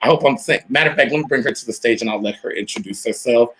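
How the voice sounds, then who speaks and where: Hyped bright-voiced male host. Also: medium pitch, racing. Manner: hyped, repetitive, addresses viewers as y'all. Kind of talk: casual live-stream interview.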